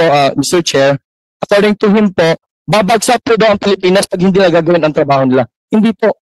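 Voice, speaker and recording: A man's voice: sits high, no echo, rough recording. A man, a church minister, giving impassioned, deferential testimony at a formal public hearing. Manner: impassioned, deferential, heavy use of polite particles.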